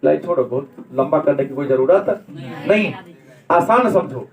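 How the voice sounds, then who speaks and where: A man's voice: fairly high pitch, animated, measured pace, a little mellow. A man teaching Hindi grammar in a classroom lecture, asking the class questions and then answering them himself. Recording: echoey room, mic far off.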